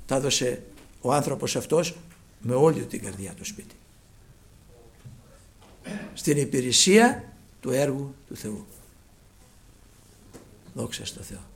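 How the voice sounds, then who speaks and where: A man preaching a sermon with fervour, his phrases often sinking to a hushed, low close. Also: animated, pauses often.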